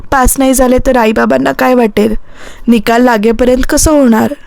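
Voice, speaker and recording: A woman voicing a young married woman, speaking softly and earnestly. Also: on the high side, steady tone, normal speed, gravelly, no echo. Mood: worried. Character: young married woman, shy and worried student.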